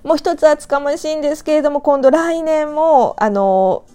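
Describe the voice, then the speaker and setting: A woman quoting a humble, polite middle-aged male salesman who speaks in a courteous, soft-spoken way. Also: high voice, normal speed, faint music behind, voice pushed up, natural voice.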